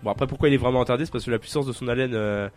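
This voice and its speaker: A man hosting a radio show, casually reading out a list with deadpan absurd jokes and lots of hesitant fillers. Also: medium pitch, very fast, faint music behind.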